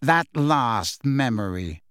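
A man voicing a cold, sneering middle-aged male potions master who talks in a slow, low, menacing drawl. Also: expressive, fairly bright tone, smooth, no room sound, clean studio sound. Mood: cold probing.

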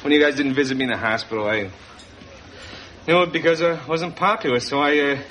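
An actor playing a chatty, bumbling know-it-all barfly in a sitcom, long-winded and hesitant, jokey and needy. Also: male voice, a little high, fairly quick, lightly acted, poor audio. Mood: dejected. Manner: pompous, long-winded, hesitant with filler words. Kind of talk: sitcom acting before a live audience. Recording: loud studio audience noise and laughter.

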